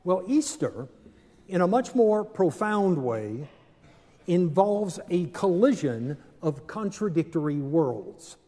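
An older male pastor delivers a sermon in a slow, deliberate way, leaning on dramatic pauses. His voice sits a little high and sounds mellow. A long reverb from the stone sanctuary trails each phrase. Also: big pitch swings. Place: large stone church sanctuary, at a pulpit. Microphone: pulpit microphone, far camera.

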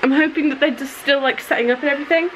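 Chatty, excitable young woman. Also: high voice, racing, slight background noise. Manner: chatty and excitable, with many fillers. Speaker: vlogger. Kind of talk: casual daily vlog. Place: at home indoors.

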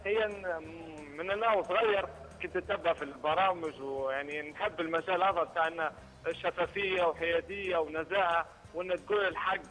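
Young man, Libyan accent, phone-in guest, high-pitched, halting, searching for words. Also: a bit bright, faint music behind, rough recording. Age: young adult. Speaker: phone-in guest, media student. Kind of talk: phone interview. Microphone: phone call.

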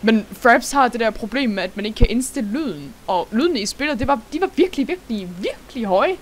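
A young adult host giving let's-play commentary over a game, excitable, laughing often and dropping English words into the talk. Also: mid-range voice, a little hiss or hum. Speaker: gaming channel host.

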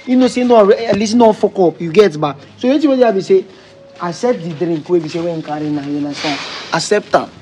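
A man's voice: high-pitched, a little fast, a little mellow, slight background noise. A man with a Nigerian accent, acting in a comedy skit as a mediator who lectures and persuades.

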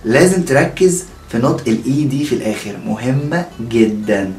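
An energetic man with an Egyptian Arabic accent leads a pronunciation lesson, his pitch swinging widely as he models words one by one. He speaks in an echoey room, with faint music underneath. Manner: energetic, repeats words slowly and checks with "okay?". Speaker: English pronunciation teacher.

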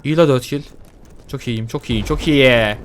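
A man giving casual, excitable commentary while playing a shooter game, joking and swearing at what happens. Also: medium pitch, normal speed, a little hiss or hum. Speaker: gaming YouTuber. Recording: faint gunfire behind. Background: faint game gunfire and explosions.

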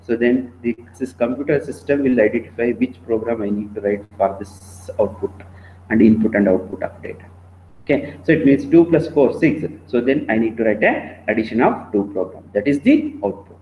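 An Indian-accented man lectures his students in an online class. He speaks at a middle pitch, halting and repeating himself as he explains. The sound is narrow and phone-like, as on a poor call connection, with noise behind the voice. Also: expressive, reverberant. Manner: halting, repetitive, often checking in with "okay". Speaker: teacher giving an online class. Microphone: online meeting call.

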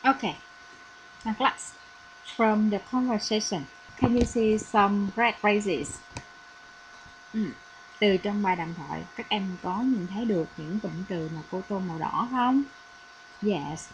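A woman's voice: mid-range voice, takes it slowly, long pauses, slight background noise, poor audio. A woman from Vietnam, an English teacher, explaining a lesson patiently with frequent fillers. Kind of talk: recorded classroom lesson.

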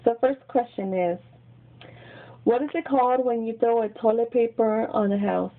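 A giggly young woman with a Mexican American accent chats casually into her webcam from a small bedroom, her voice a little high at a normal speed. She lives in Los Angeles but grew up in Texas, and she's a chatty vlogger who tends to repeat words. The built-in webcam mic gives the audio a tinny, lo-fi sound.

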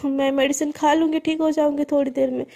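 A woman's voice: high voice, level tone, fast talker, vocal fry, mellow. A woman narrator voicing a guilt-ridden young woman doctor who stammers through tears and pushes help away. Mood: curt.

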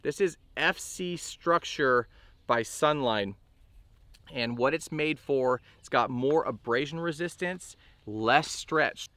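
A man's voice: mid-range voice, takes it slowly, dry recording. Casual man reviewing fishing gear outdoors. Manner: relaxed and chatty, with frequent fillers and restarts. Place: outdoors on a bass boat by a lake.

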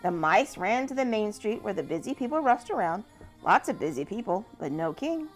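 A woman reading a picture storybook aloud to young church children, gentle and animated. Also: moderate pace, faint music behind. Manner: gentle, animated reading with lively pitch swings.

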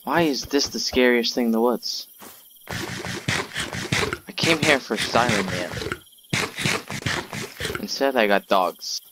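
A young man hosting a gaming channel, giving let's-play commentary in a jumpy, excitable way, yelping and trash-talking the monster. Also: mid-range voice, takes it slowly, pauses often, very noisy. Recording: loud game sounds with crickets behind.

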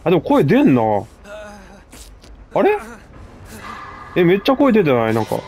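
A man with a gravelly voice, chatting casually and mocking himself as he comments on his own game play. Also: high voice, wildly swooping pitch, normal speed, darkish tone, faint music behind. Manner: chatty, self-mocking, frequent laughs. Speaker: gameplay commentator.

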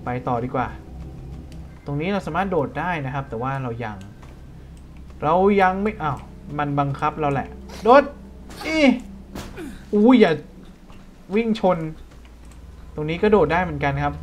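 A man with a Thai accent giving casual, jokey let's-play commentary, breaking into quick startled exclamations. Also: fairly high pitch, slight background noise. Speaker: gaming streamer.

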